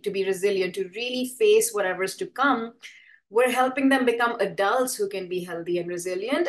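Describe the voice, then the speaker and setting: Speaking in a mid-range voice, a thoughtful woman with a background in urban design, whose first language is Hindi, presents conversationally to an audience that is either online or live. She explains carefully and frequently pauses to rephrase her points.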